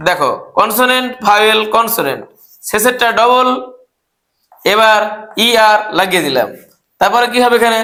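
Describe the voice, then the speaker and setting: A man's voice: high voice, bright, forceful tone, echoey room, low-quality recording. A man teaching an English grammar lesson, spelling words out letter by letter and asking his students questions as he goes.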